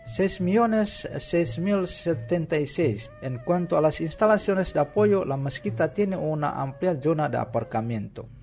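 Slow, gravelly man teaching words. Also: on the high side, expressive, music in the background. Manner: slow, careful, each word said twice. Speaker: radio presenter and language teacher. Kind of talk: language lesson, slow repetition.

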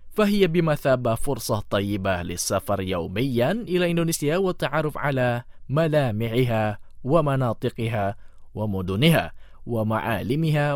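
A male radio host speaks formal Standard Arabic. The sound is dry and close, and he presents in a measured announcer's register, as when reading out listeners' letters. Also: mid-range voice, no room sound.

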